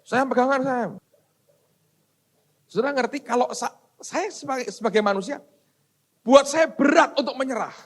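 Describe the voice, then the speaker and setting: Animated middle-aged pastor preaching. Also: male voice, very high voice, brisk, slightly rough. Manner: addresses the congregation as "saudara", animated storytelling. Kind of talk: sermon with personal stories.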